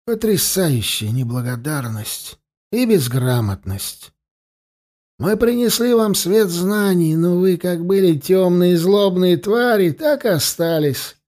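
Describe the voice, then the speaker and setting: A smug, icy priest speaks down to his captive in a lifted, thin register, as a man reading the story puts him on. He draws out his words slowly and mockingly. It is a dark fantasy audiobook scene. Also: sits high, lively intonation. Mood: weary scornful. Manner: cold, mocking and condescending. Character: cold, smug middle-aged male priest and torturer.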